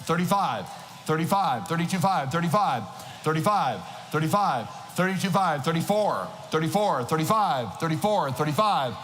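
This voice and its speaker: High-pitched male auctioneer chanting in a hall. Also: animated, moderate pace, a bit bright. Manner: insistent, rhythmic bid calling. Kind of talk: auctioneer chant, rapid repeated numbers and filler phrases. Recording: echoing hall PA with noisy ambience.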